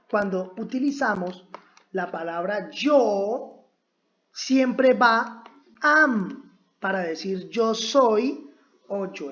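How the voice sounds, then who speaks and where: A woman gives a slow, patient grammar lesson, her voice sitting fairly high. She checks back with her listeners again and again and drills each word. The recording sounds dull and lo-fi. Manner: patient, repetitive, asks "¿cierto?" often. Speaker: English teacher.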